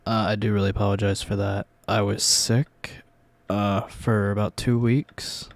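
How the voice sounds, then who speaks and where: A man's voice: fairly low pitch, flat delivery, measured pace. A young adult American man, hungover, telling a personal story in a casual, rambling, profanity-laden vlog style. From Virginia, United States. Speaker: YouTube host telling life stories.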